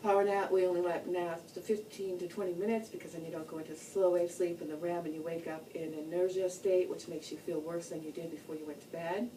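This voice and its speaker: A woman with a lowish, dark voice gives a plain-spoken, informal educational talk on health, explaining things loosely. She speaks a little fast in a level tone with hardly any pauses. The mic is distant, and background noise is noticeable.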